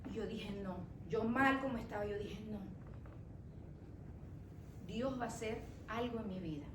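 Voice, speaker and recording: A woman's voice: medium pitch, normal speed. A woman pastor in her thirties preaching a sermon with emphatic delivery, addressing the congregation as brother. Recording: echoey church from far off, faint noise.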